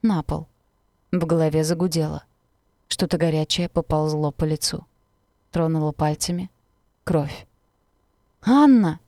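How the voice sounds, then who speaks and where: A woman narrating a novel in the first person, in a measured, intimate way. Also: low voice, little pitch movement, warm tone, dry recording, studio quality. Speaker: audiobook narrator.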